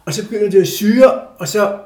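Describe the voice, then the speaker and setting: During a relaxed interview, an older man recounts a personal anecdote in a fairly high voice. He brings the people in his story to life by mimicking their voices, speaking animatedly in an echoey room in a casual storytelling manner.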